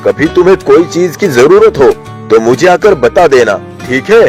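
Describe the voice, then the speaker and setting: A man voicing a scheming, treacherous male lion in an animated story. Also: on the high side, moderate pace, faint music behind, natural voice. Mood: falsely sorry.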